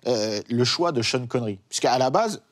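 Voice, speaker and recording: A man's voice: medium pitch, expressive, moderate pace. A man moderating a studio panel, steering it with questions. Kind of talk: casual studio discussion.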